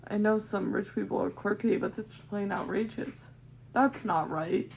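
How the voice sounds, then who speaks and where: A woman's voice: medium pitch, normal speed, gravelly, a little mellow, a little hiss or hum, lightly acted. A woman voicing an indignant, outspoken young heiress heroine in a story game, dramatically read.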